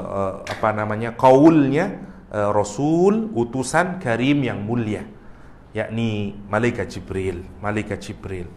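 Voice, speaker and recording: A man teaching a relaxed religious study session, explaining with everyday comparisons, stumbling over and restarting words, chuckling at his own jokes. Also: fairly low pitch, echoey room, a little hiss or hum.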